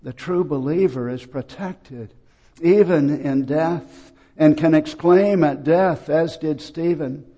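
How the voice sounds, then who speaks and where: A man delivers a sermon with a slow, deliberate pace, stopping between phrases for effect. His voice is mellow and a little higher than most men's. He sounds like a pastor addressing his congregation. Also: slightly rough. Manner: slow, measured preaching with dramatic pauses.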